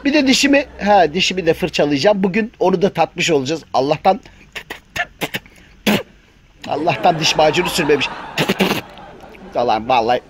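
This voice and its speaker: A man's voice: a little high, expressive, normal speed, pauses often, noisy background, natural voice. A man voicing a chatty male house cat in a comic dubbing of pet videos, joking and grumbling with many exclamations. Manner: colloquial, joking, full of exclamations.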